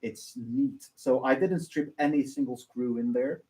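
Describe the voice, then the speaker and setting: A man's voice: mid-range voice, very animated, a little slow, gravelly, warm tone, rough recording. Man answering casually. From Belgium. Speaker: workshop student.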